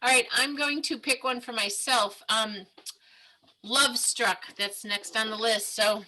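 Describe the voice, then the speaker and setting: A woman's voice: on the high side, fairly even intonation, slow pace, pushed and bright, rough recording. A woman leading an improv workshop over a video call. She is encouraging and upbeat, and she laughs often. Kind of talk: leading a group exercise.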